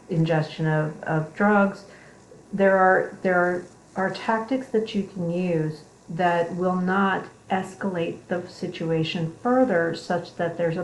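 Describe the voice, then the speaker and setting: A woman psychology instructor explains a film clip to her class. Her voice is low and gravelly, and she talks with frequent fillers and restarts. The recording has a roomy echo with faint noise behind it. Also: darkish tone. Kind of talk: recorded online lecture. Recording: echoey room with faint noise.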